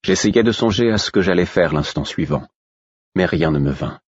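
A man reading a first-person novel aloud as an audiobook narrator, in a measured, expressive way. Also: low voice, slightly rough, no echo, dull audio.

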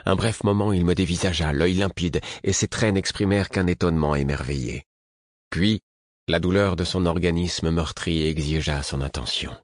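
A man with a husky voice reading a literary novel aloud in a measured, intimate first-person style. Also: low voice, dry recording, studio quality. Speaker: audiobook narrator. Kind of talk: scripted literary narration.

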